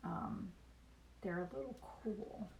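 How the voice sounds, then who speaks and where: A woman painter talks through her live painting demo, musing aloud in a soft, chatty way. Her voice carries a gravelly creak. A faint hiss sits under the recording. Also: mid-range voice, slow.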